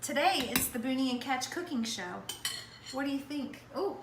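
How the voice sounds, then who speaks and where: A woman's voice: high voice, lively intonation, moderate pace, noisy background. A woman vlogger talking to her pets in a coaxing way, asking them lots of questions. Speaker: pet vlogger. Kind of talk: casual vlog talk to pets. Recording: roomy echo.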